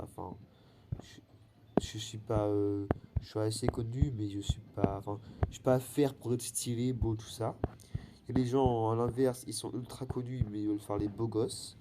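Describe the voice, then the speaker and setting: A man's voice: on the low side, steady tone, normal speed, very noisy. A teenage boy chatting casually over his gameplay, rambling with many fillers and restarts in a slightly cracking, wavering voice. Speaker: gaming channel host.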